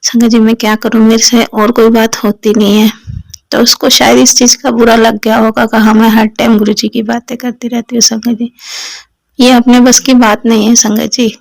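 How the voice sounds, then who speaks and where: Gravelly-voiced woman sharing a devotional story. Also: fairly high pitch, little pitch movement, moderate pace, no echo, rough recording. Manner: rambling, repeatedly addresses listeners respectfully. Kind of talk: devotional personal testimony to a congregation.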